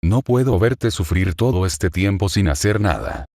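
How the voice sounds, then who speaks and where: A deep-voiced man reading a desperate young woman. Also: animated, normal speed, a little mellow, no room sound, clean studio sound. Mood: pleading.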